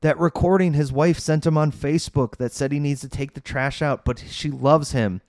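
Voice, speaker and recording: A man's voice: on the high side, steady tone, moderate pace, a little mellow, no echo, clean studio sound. A man hosting a podcast, recapping a movie in a sarcastic, chatty way with many fillers. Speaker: podcast host.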